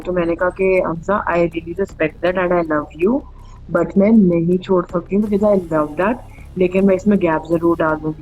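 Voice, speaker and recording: The host of a true ghost story show, a woman with a fairly low, darkish voice, chats casually through personal stories and mixes in English phrases. Music plays underneath, and the audio is dull and band-limited.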